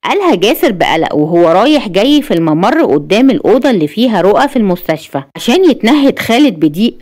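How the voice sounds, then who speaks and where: Brisk Egyptian woman storyteller. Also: mid-range voice, very animated, darkish tone. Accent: Egyptian Arabic. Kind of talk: scripted story narration.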